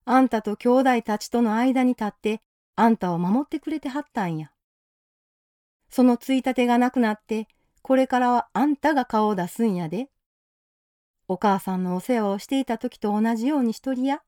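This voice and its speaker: A stern older church minister, as a woman narrator puts him on, talking bluntly in a Kansai accent. The voice sits a little high and has a mellow, soft tone. It comes through as a storybook quote, not a full character voice. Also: normal speed, dry recording, studio quality, natural voice. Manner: firm, blunt Kansai-dialect speech.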